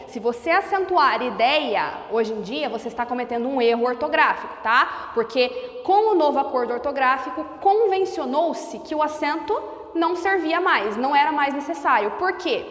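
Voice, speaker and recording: A woman's voice: sits high, roomy sound, big-room sound. A woman teacher giving a grammar lesson, explaining step by step and checking in with her students. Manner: lively, explains step by step with frequent "tá?" check-ins. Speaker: Portuguese teacher.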